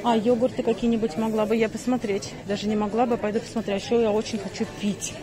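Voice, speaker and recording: This rough recording captures a middle-aged woman talking fast in a highish voice with little pitch movement, a crowd audible behind her. She vlogs casually on a handheld phone at arm's length, rambling and thinking aloud as she passes through a stairwell, a parked car and a busy supermarket.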